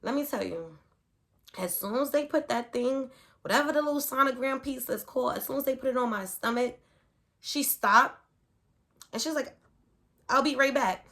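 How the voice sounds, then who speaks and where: A pregnant woman vlogging, telling a story casually to camera in an animated, rambling way full of "like". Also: sits high, normal speed, vocal fry, pauses often. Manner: animated and rambling, leaning heavily on "like". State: pregnant, with hiccups and heartburn.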